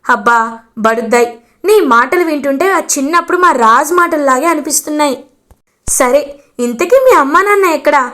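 A woman's voice: high voice, animated, fairly quick, pushed and bright. A woman voicing a proud, stern grandmother who scolds with indignant questions. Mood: chiding.

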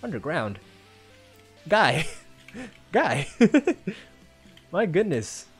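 A gamer giving excitable let's-play commentary, reacting aloud and talking to themself, with faint game music behind. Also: mid-range voice, extremely slow. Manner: excitable, reacts loudly with exclamations and self-talk. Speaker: gamer playing a Roblox obstacle game.

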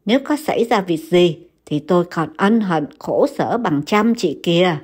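Woman doing a calm reassuring young man. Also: moderate pace, breathy edge. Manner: steady, reassuring, a bit lower.

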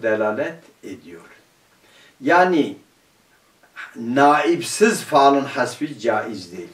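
A man teaching a grammar class, firing questions at his students and then answering them himself. He reads quoted classical phrases slowly, word by word. He is recorded from a distance in a roomy classroom with a clear echo. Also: mid-range voice. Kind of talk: grammar lesson. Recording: roomy, distant room mic.

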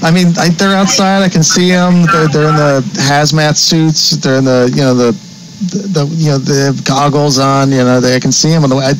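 A man playing an anxious, distracted IT manager on a prank phone call, halting and stammering as he repeats himself. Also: a little high, flat delivery, a little hiss or hum, lightly acted.

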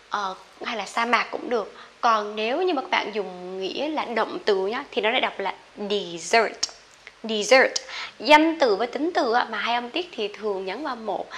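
Bright-voiced Vietnamese teacher drilling words. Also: female voice, fairly high pitch, slight background noise. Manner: chatty, addresses viewers, repeats words for drilling. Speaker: English teacher. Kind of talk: vocabulary lesson.

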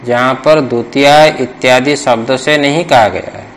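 A man's voice: mid-range voice, fairly even intonation, moderate pace, a little hiss or hum, low-quality recording. A man teaching Sanskrit grammar in a traditional classroom lesson, repeating points and quizzing students for answers.

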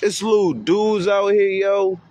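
A man's voice: high voice, steady tone, a little slow, a little mellow. A man speaking casually and from the heart about mentoring kids, outdoors on a city street. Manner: heartfelt, slangy, acts out kids' voices. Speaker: community outreach speaker. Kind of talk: casual street talk to camera. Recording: faint street noise outdoors.

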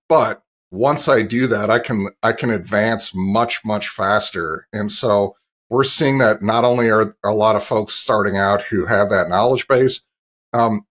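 A middle-aged man joins a video call from his home office as an interview guest, explaining business matters like an industry analyst. His voice is fairly low and a bit bright.

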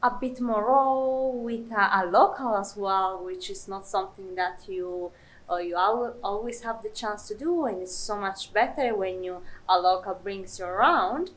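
A young woman, a travel vlogger, chats casually to the camera in a mid-range voice at a measured pace, with plenty of fillers and restarts. The audio quality is poor.

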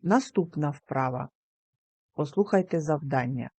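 Mellow-voiced woman teaching young children. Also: low voice, lively intonation, no room sound. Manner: slow, careful, sounds out words syllable by syllable. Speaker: primary school teacher. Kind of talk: recorded video lesson for young children.

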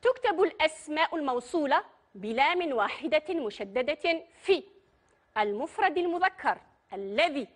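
A woman's voice: high-pitched, expressive, normal speed. A woman with an Algerian accent teaching a primary school grammar lesson, patient and putting questions to her pupils. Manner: patient, addresses pupils directly and asks them questions. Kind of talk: Arabic grammar lesson for children.

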